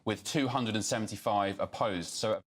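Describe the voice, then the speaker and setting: A man's voice: lowish voice, normal speed. Man hosting a casual news stream. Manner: relaxed, fillers, reads comments aloud. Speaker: livestream host reading viewer comments.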